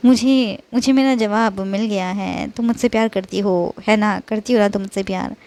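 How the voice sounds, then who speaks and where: A woman's voice: medium pitch, steady tone, normal speed, a little mellow, close to an everyday voice. A woman reading the part of a smitten young husband who coaxes and pleads with his wife in an audiobook romance. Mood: pleading. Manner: coaxing, pleading. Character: smitten young husband, shy but persistent.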